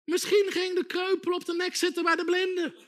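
A man preaching a sermon with emphatic repetition, building to loud exhortation. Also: very high voice, monotone, moderate pace.

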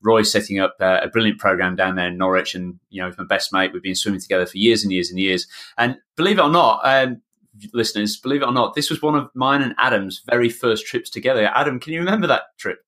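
Bright-voiced Yorkshire man hosting a podcast. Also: on the low side, fast. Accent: broad Yorkshire. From north of England. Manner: enthusiastic, wordy. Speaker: podcast host, swimming coach. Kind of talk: chatty podcast introduction and interviewing.

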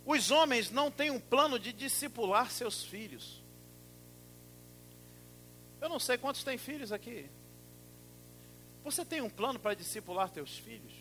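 A middle-aged man preaching with a high, bright, forceful voice. He swings from loud, punchy exclamations to quiet asides. Soft music plays faintly behind him. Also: animated, unhurried, long pauses. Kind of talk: sermon.

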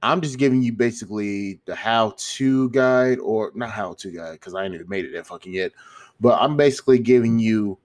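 Male YouTuber, lowish voice with a blocked-nose sound; informal pep talk, repetitive, slangy, unpolished. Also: moderate pace, a little mellow. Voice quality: congested, stuffy-nosed. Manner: rambling, repeats and restarts phrases; slangy, frequent swearing. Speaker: YouTuber giving self-improvement advice. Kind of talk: casual motivational monologue to viewers.

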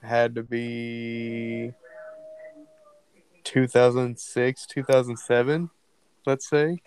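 Flat-voiced man telling a story haltingly. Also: mid-range voice, clear, resonant tone. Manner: hesitant, lots of ums and likes. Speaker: podcast co-host. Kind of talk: casual storytelling.

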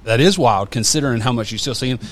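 A man's voice: medium pitch, fast. A man chatting casually on a podcast, rambling with many fillers and restarts. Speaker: podcast guest. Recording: faint background noise.

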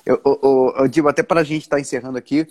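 A man with a Brazilian accent, a pastor talking in an earnest casual devotional chat, often restarting and slowing down for emphasis. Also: medium pitch, steady tone, darkish tone.

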